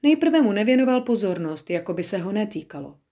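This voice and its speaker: A woman narrating a children's story as an audiobook, in a calm, measured storytelling manner. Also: medium pitch.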